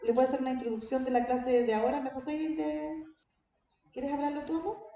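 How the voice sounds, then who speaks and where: Speaking quickly in a high-pitched, dark-toned voice with little pitch movement, a woman pastor teaches her congregation conversationally and keeps asking them questions. The church hall is very echoey and dull-sounding, with a little hiss or hum.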